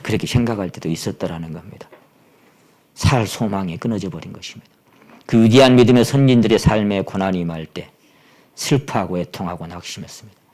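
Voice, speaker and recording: A male pastor preaching a sermon dramatically, swinging from loud exclamations down to near-whispers. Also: lowish voice, a little fast.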